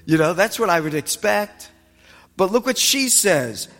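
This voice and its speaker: A man preaching a sermon as pastor of a congregation, talking expressively and lifting his voice as he retells scenes. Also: a little slow. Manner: expressive, rises in pitch when retelling scenes. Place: congregation worship hall. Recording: reverberant hall with faint music.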